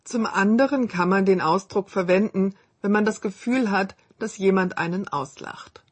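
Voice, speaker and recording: A woman hosting a scripted radio language lesson, reading model phrases slowly and clearly. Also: medium pitch.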